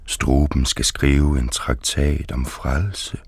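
A man reading his poetry aloud, slow and deliberate. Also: very deep voice, steady tone, husky, no room sound.

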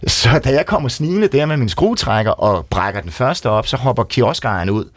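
A man on a radio show casually telling a long personal story, acting out the people who shouted at him. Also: mid-range voice, animated. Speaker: guest storyteller. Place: radio studio.

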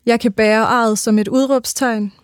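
A woman giving a measured, rhythmic reading of her own first-person literary prose. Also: a little high, steady tone, no room sound, clean studio sound.

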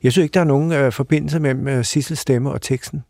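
An older man hosting a casual studio conversation, halting and repeating words as he searches for them. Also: mid-range voice, fairly even intonation, darkish tone, dry recording. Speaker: host.

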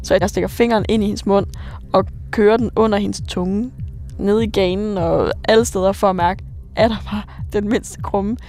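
Young woman with a gravelly, flat retelling. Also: mid-range voice, soft background music. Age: 20s. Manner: halting, many fillers, vivid recollection. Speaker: bar worker recounting rescues. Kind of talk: personal radio storytelling.

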